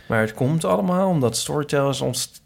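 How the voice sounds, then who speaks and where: Gravelly joking male co-host. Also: on the high side, expressive, a little fast. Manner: joking, wry asides. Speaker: podcast co-host. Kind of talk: casual chat.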